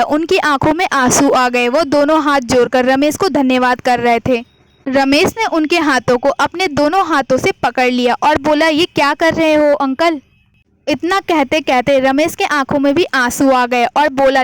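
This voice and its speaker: A woman reading a moral story aloud in an even, storybook manner. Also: sits high, dry recording. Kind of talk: scripted story narration.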